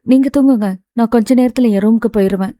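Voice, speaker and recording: A woman voicing a caring young woman who speaks softly and coaxingly, in a dry, close recording. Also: on the high side, quick pace, no echo, close to an everyday voice. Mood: hesitant. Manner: soft, coaxing.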